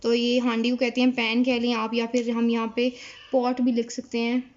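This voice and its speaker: A woman who speaks natively, teaching German vocabulary at a board, explaining slowly and repeating each word. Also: fairly high pitch, completely flat delivery, darkish tone, dull audio. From Pakistan. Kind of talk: casual whiteboard lesson.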